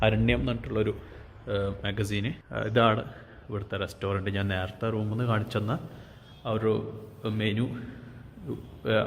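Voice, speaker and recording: Malayali man mixing English, noisy location sound. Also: medium pitch. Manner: mixes Malayalam with English words. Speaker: travel vlogger. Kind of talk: casual walk-through vlog narration. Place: on location around a forest resort. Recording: noisy on-location recording, outdoor ambience.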